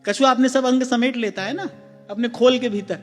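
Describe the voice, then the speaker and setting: A man giving a gentle devotional discourse, often repeating himself and putting questions to his listeners. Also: very high voice, fairly even intonation, moderate pace. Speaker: spiritual discourse speaker. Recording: long hall reverb with faint music.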